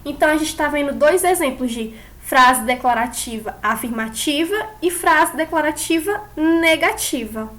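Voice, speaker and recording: A woman's voice: high-pitched, animated, moderate pace, few pauses, fairly bright tone. A woman teaching an online class, explaining step by step and putting questions to her pupils.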